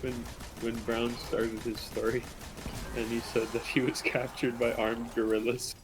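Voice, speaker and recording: A man's voice: medium pitch, completely flat delivery, unhurried. Giggly man on a noisy chat line. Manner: giggly, swearing, joking. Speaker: gaming chat participant. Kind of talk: casual chat.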